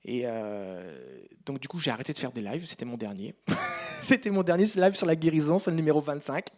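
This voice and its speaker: A man preaching a sermon, telling a personal story and addressing the congregation directly, turning loud and emphatic at times. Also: fairly high pitch, lively intonation, a little fast. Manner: rises to loud emphatic passages.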